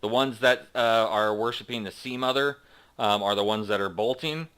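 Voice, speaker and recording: Bright-voiced man running a tabletop game. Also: lowish voice, clear, resonant tone. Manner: slow dramatic read-aloud narration, then halting casual asides. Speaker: game master. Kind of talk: narrating a tabletop game online.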